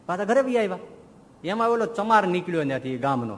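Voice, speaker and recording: A man tells a sermon in a folksy, animated way. His voice sits fairly high and carries a long hall reverb. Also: fast. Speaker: monk preacher. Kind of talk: sermon storytelling.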